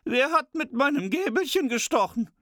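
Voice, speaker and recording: A narrator putting on squeaky little dwarfs. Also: big pitch swings, moderate pace, fairly bright tone, no room sound, clean studio sound. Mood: curious. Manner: high squeaky voices, switching dwarf to dwarf. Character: seven small chattering male dwarfs.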